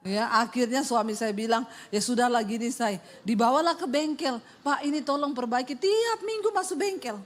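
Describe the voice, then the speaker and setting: A woman's voice: a little high, normal speed, hardly any pauses. A middle-aged woman pastor, telling funny stories in a sermon and acting out voices and sounds. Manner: animated, acts out voices and sound effects. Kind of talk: humorous sermon storytelling.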